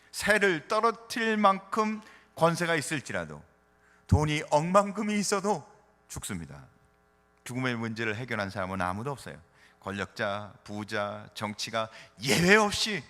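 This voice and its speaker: A middle-aged man from the Chungcheong region preaching a sermon in a church, asking the congregation rhetorical questions with gentle humor. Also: medium pitch. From Chungcheong, South Korea. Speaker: pastor. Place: church sanctuary. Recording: reverberant church hall.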